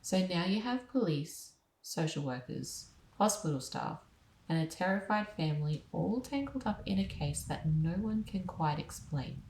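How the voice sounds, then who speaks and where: Low, mellow woman narrating in a roomy space. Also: expressive, a little slow. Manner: dramatic storytelling with casual asides. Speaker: podcast host. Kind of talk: scripted true-crime narration. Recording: roomy echo.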